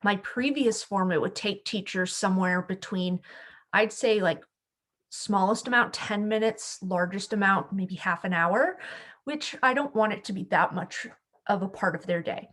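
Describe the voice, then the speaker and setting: A woman's voice: medium pitch, a little slow, fairly bright tone. Friendly woman explaining a tutorial. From California. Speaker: school speech-language pathologist. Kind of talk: screen-share tech tutorial.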